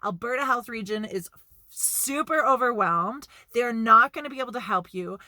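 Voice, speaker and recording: A woman's voice: a little high, moderate pace, pushed and bright, no room sound, studio quality. A woman from Canada talking in a casual vlog monologue, blunt and emphatic, swearing freely and repeating words for emphasis. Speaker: vlogger.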